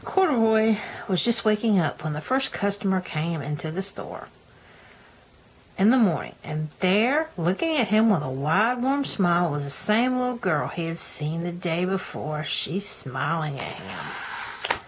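An older woman with a folksy, grandmotherly manner reads a children's story aloud indoors, holding the book in front of the camera and adding homely asides to the listener. Her lowish voice is sing-song at a moderate pace, with noticeable room noise.

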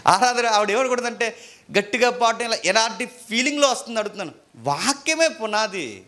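A man preaching a sermon, his voice sitting a little high for a man. He shifts from loud, forceful rebukes down to quiet, mocking asides as he scolds his congregation. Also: animated, fairly quick. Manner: swings between shouted rebukes and low mocking asides. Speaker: pastor.

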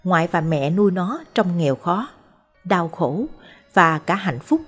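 Calm, husky woman storyteller. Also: lowish voice, a little slow. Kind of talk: scripted narration of short life stories. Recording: soft background music.

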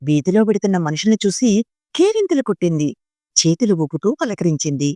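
A woman reading a short story aloud in a slow, expressive, gently dramatic way. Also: fairly low pitch, no room sound, studio quality.

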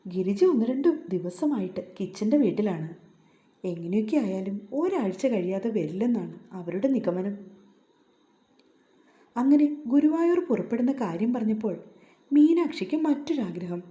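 A woman calmly narrating a romantic novel as storyteller. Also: mid-range voice, moderate pace. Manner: calm, relaxing reading. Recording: roomy echo.

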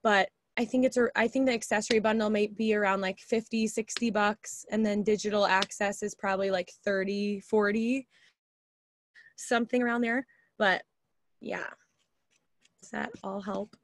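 A woman's voice: medium pitch, fairly even intonation, moderate pace, no room sound, clean studio sound. A woman coaching her team on a video call, chatty and upbeat with lots of filler words, a little tired from short sleep.

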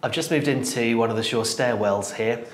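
A man, an applications engineer, giving a calm and measured technical explanation in a bare stairwell, where flutter echo bounces between the walls. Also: mid-range voice.

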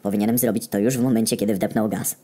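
A man narrating a comedic story in a deadpan, wry tone with frequent swearing. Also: fairly low pitch, quick pace.

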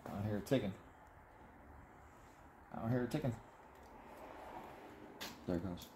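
A middle-aged man who works as an auctioneer and host offers casual, playful commentary while handling items, thinking aloud and often exclaiming. His voice is low, slow and warm. A handheld phone camera a step or two away captures noisy audio with handling clicks in a large, cluttered indoor workshop or warehouse.

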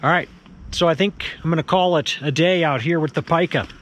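Easygoing male nature vlogger, slightly high voice, chatty and self-mocking, faint outdoor ambience. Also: fairly quick, a little hiss or hum. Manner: relaxed, chatty, self-deprecating. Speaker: wildlife photographer. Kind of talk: casual vlog chat. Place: outdoors in a rocky scree field at dusk.

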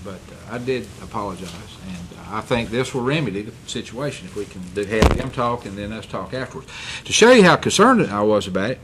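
Heavy background noise surrounds this middle-aged county commissioner as he delivers public meeting remarks in a meeting chamber. His lowish voice swings widely in pitch, and he talks a little fast with hardly any pauses. He's candid and rambling, a storyteller prone to correcting himself.

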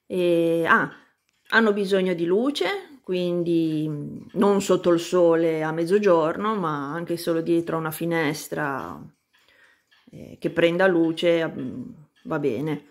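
A woman's voice: fairly low pitch, creaky. Hesitant woman chatting about her seedlings. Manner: hesitant, searches for words, many fillers. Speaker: plant vlogger. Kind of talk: casual how-to chat.

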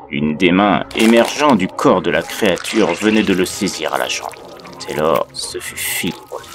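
A man's voice: sits low, gravelly. A man reading a first-person horror story in a dramatic storytelling style. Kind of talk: creepypasta narration. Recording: narration over loud music.

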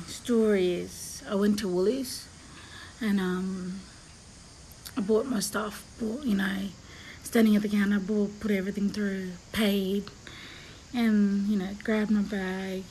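A woman's voice: mid-range voice, darkish tone, a little hiss or hum, poor audio. A woman telling a casual, rambling story full of fillers. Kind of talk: casual anecdote.

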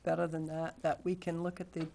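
Somewhat low woman at a board meeting. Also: monotone, a little fast. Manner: brief, agreeable interjections. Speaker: board member. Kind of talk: casual meeting discussion. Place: town meeting room. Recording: clear background noise, broadcast meeting.

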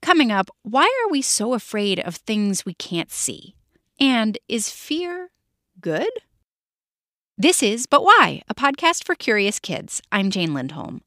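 A woman hosting a kids' science podcast, reading scripted narration in a clear, expressive way. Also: a little high, slow, no echo, studio quality. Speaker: podcast host.

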